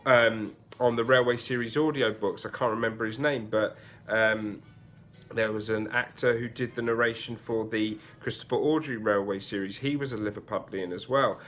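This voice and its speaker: A man's voice: fairly low pitch, steady tone, moderate pace, a bit bright. A man hosting a casual livestream, reading out viewer comments and musing aloud in a chatty way, often restarting his sentences. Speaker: livestream host.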